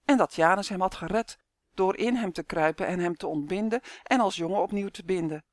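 A woman reading a children's storybook aloud in a calm, even narrating manner. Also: lowish voice, a little fast, no room sound, clean studio sound. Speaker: audiobook narrator.

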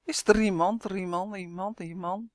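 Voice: mid-range voice, sing-song, a little fast, no echo, clean studio sound, lightly acted. A narrator reading the lines of an anxious, curious boy in a children's audiobook, in a plain, tense reading voice. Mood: alarmed.

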